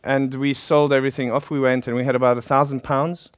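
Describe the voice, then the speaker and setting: In clean studio sound with no room sound, a middle-aged pastor speaks at a medium pitch, flatly and fairly quickly. He is Polish-born, lives in South Africa with a South African accent, and preaches informally with chatty self-deprecation and plenty of laughter.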